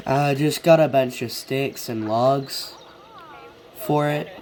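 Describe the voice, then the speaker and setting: A man's voice: mid-range voice, fairly even intonation, slow pace, darkish tone, a little hiss or hum. A man who is sick with a stuffed, congested nose gives a casual, hesitant, rambling walkthrough of a video game. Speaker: gamer giving a video game tour.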